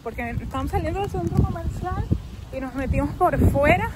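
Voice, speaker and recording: A woman's voice: very high voice, brisk. A young woman in her twenties talking casually and expressively into a phone held at arm's length outside a shopping mall. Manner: chatty, expressive storytelling. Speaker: vlogger. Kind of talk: casual vlog chat. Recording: noisy outdoor phone recording. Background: street and traffic noise.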